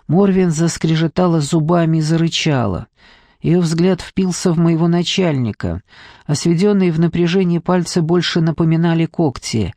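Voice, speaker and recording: High-voiced male audiobook narrator. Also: mellow, dry recording, studio quality.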